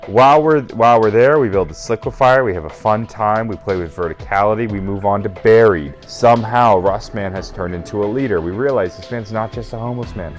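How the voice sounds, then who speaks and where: A man's voice: fairly low pitch, fairly quick, few pauses, faint music behind. A very drunk man rambling through a casual comedic retelling as host, emphatic and profane, often losing track and correcting himself. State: very drunk, burping. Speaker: host retelling a video game storyline.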